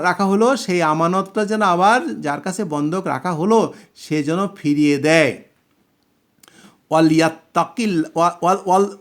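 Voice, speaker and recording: A man with a Bangladeshi Bengali accent teaching a class, slowly drawing out Arabic words and patiently checking that students follow. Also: high voice, a bit bright. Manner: slow, drawn-out recitation of Arabic words; patient explaining with checking questions. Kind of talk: Quran grammar class lesson.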